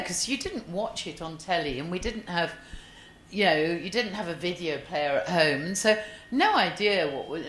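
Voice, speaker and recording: Older woman, bright and chatty convention storyteller, echoey hall. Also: lowish voice, a little hiss or hum. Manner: chatty, laughing, lively storyteller. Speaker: convention guest panelist. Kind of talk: casual anecdotes on stage. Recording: echoey hall, faint ambience.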